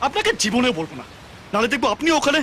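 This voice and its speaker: An actor playing an exasperated young newlywed who pleads in a comic film. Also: male voice, extremely high pitch, huge pitch swings, very fast, loud music behind the voice, exaggerated voice. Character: anxious newlywed young man on his honeymoon. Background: film score.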